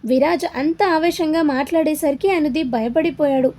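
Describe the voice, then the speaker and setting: A woman's voice: sits high, moderate pace, a little mellow, slight background noise. A woman narrating a serialized story, voicing every character's dialogue herself. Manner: reads all characters in her own voice.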